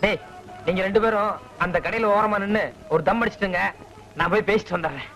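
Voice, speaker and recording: A sly, high-voiced young schemer. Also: male voice, quick pace, fairly bright tone, faint music behind. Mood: bossy. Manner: wailing and sobbing. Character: sly young man faking sobs over a lost sister. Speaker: young man in a film comedy. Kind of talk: 1980s film comedy acting.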